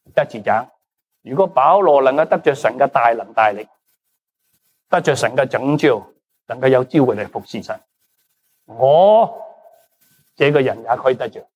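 A man preaching a sermon in a lively, animated way. He is a Cantonese speaker who slips in English words and keeps asking the congregation questions, then answers them himself. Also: mid-range voice, normal speed, long pauses, husky, lo-fi sound. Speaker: pastor.

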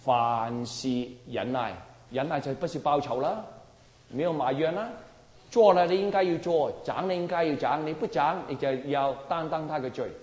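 A man's voice: fairly high pitch, normal speed, darkish tone. A man preaching a sermon emphatically, often asking the congregation rhetorical questions. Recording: roomy hall with long reverb.

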